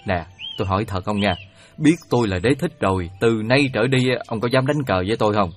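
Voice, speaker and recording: An actor playing a heavenly god disguised as an old beggar, speaking in a slow, halting, sly way. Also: male voice, fairly low pitch, close to an everyday voice. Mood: secretive. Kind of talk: radio play acting.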